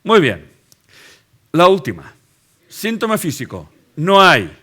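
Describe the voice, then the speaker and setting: A man with a Spanish accent from Spain lectures a live audience. His voice sits a little high and swings widely in pitch. He keeps checking in with his listeners through quick rhetorical questions. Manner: lively, drives points home with rhetorical questions and tag checks.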